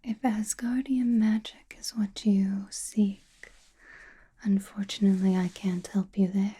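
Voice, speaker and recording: In this ASMR roleplay, a woman voices a mysterious sorceress of chaos magic, her whisper very dark and soft. The pitch sits in the middle and the delivery is flat, slow, deliberate, breathy and cryptic, like a secret shared with one person. She comes across as firm and probing.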